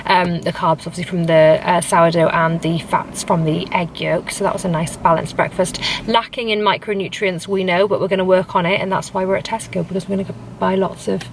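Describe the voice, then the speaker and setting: A woman's voice: fairly low pitch, flat delivery, fairly quick, few pauses. A woman with a British accent chatting casually and informally to a vlog, tired and hungover. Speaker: vlogger, host. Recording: distant mic, faint background noise.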